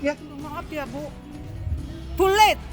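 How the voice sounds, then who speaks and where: An older woman with a high voice tells her story with lively energy. She slips in and out of voices as she replays every exchange. Soft music plays underneath. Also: slow. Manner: animated, acts out both sides of dialogues. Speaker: online taxi driver, guest. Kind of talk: casual storytelling interview.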